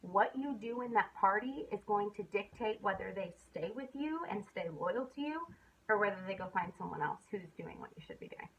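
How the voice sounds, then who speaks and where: A woman's voice: mid-range voice, lively intonation, a little fast, fairly bright tone, a little hiss or hum. A young woman giving a casual sales training talk, chatty and full of fillers, sometimes acting out upbeat messages. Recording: dull lo-fi recording.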